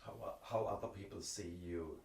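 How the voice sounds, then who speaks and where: A man's voice: low-pitched, brisk, vocal fry, a little mellow, a little hiss or hum. A man interviewer asking brief, plain questions in an oral history interview. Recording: distant, echoey room sound.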